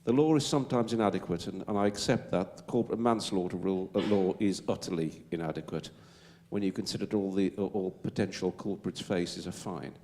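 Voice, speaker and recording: A man's voice: deep voice, brisk, hardly any pauses, mellow, slight background noise. A man with a Wolverhampton accent answering as a panel speaker at a public Q&A, emphatic and stumbling over repeated words.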